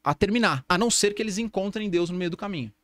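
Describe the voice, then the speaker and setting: Quick, high-voiced Brazilian man. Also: fairly bright tone. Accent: Brazilian Portuguese. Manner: earnest, advising, informal. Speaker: podcast host. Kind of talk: casual podcast conversation. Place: podcast studio.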